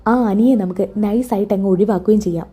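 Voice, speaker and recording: A middle-aged mother who schemes and scolds, her voice dark and husky. A woman reads her lines in a plain storytelling voice. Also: mid-range voice, a little fast, natural voice. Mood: scheming.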